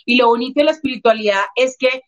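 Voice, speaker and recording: High-voiced woman, expressive coach. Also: quick pace, muffled recording. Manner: expressive storyteller, acts out quoted voices. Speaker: emotional coach. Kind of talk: casual interview talk.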